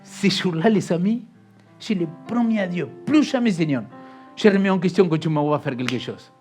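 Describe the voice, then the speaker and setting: A man from Argentina with an Argentine Spanish accent, preaching a sermon as a pastor and telling his story with dramatic swings from loud emphasis to hushed confession. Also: sits high, moderate pace, faint music behind.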